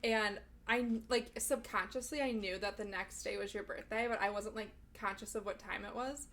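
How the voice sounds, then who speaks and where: A woman's voice: mid-range voice, fairly even intonation, moderate pace, fairly bright tone, a little hiss or hum. A young woman co-hosting a podcast in casual chat, chatty and laughing often, with a lot of "like". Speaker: podcast co-host.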